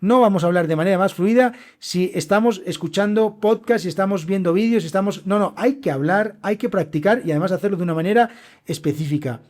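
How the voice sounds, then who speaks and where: A man's voice: sits high, darkish tone. A man from hosting a casual solo podcast lesson, chatty and emphatic, often checking in with "¿vale?". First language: Spanish. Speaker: podcast host and Spanish teacher.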